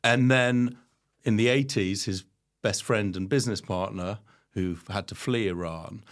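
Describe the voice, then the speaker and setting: A low-voiced man speaks as an interview guest. He talks reflectively, pausing on ums and restarting his sentences as he thinks aloud. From London, England. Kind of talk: conversational interview.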